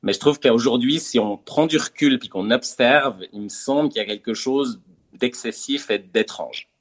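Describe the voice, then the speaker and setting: Male guest, husky, thoughtful and halting in a casual talk. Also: mid-range voice. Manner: reflective, hesitant with fillers. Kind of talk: casual conversation.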